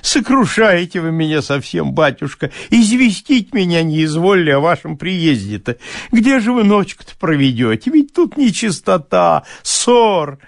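A man's voice: fairly high pitch, sing-song, moderate pace, creaky, no echo, clean studio sound, pitched above the performer's own voice. A man voicing a tipsy, obsequious old village steward who talks in a tearful sing-song. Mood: fussing, fawning. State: drunk. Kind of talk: audiobook character reading.

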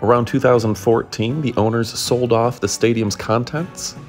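A man's voice: medium pitch, fairly even intonation, normal speed, darkish tone, faint music behind. A man hosting and narrating a casual documentary in an upbeat way, with jokey asides. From Detroit area. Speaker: host and narrator.

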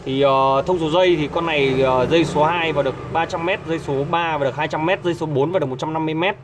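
Chatty shop owner, noisy background. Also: male voice, fairly high pitch, fast talker. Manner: chatty, repeats himself, many hesitations. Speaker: fishing tackle shop owner. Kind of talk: casual product showcase.

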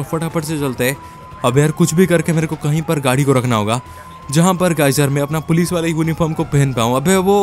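A young man commentates a game run in frantic, casual slang, speaking in the first person as the character he controls. His voice sits a little high, and he fires off the same words in rapid bursts. Faint game music plays underneath. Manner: casual slangy Hinglish, addresses viewers as guys. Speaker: gaming YouTuber. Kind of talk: excited Let's Play commentary.

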